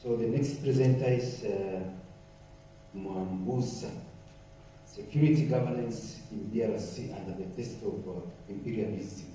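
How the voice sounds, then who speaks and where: A man chairs an academic panel, introducing presenters and giving brief instructions. His voice is low and very dark. He sounds far from the mic, in a hall with strong echo and faint background noise. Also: measured pace. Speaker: session chair. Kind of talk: moderating a conference panel. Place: conference hall.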